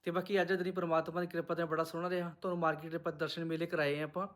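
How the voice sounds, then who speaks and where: Male vlogger, Punjabi accent, higher-pitched voice, rapid chatty delivery to camera. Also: flat delivery, fairly bright tone, dry recording, studio quality. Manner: chatty, addresses viewers as friends. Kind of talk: casual vlog narration to viewers.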